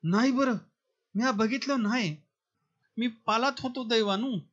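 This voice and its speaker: Brief: aggressive shouting village man voiced by a man, storybook, lo-fi. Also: very high-pitched, measured pace, pitched above the performer's own voice, heavily acted. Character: angry accusing older village man. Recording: dull lo-fi recording.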